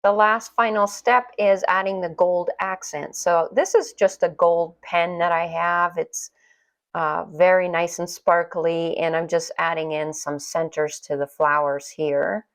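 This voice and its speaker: A middle-aged woman talks through a watercolor tutorial in a relaxed, chatty voice-over, sitting a little low in pitch. She pokes fun at herself as she goes. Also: a little slow. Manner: chatty, self-deprecating, laughs at herself. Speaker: watercolor painting instructor.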